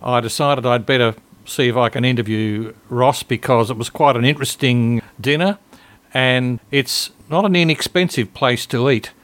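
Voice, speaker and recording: A man's voice: mid-range voice, a bit bright. An older man hosting a travel radio show, introducing his guest in a chatty, personal way. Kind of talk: radio interview.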